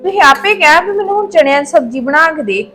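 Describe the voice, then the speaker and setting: A young woman playing a patient young daughter-in-law who answers back gently. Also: high voice, lively intonation, fast, faint music behind. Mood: explaining.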